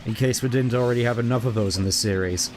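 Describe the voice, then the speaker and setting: A man's voice: mid-range voice, fast talker, a little mellow, a little hiss or hum. A man giving casual live game commentary as a streamer, musing and rambling wryly. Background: game music.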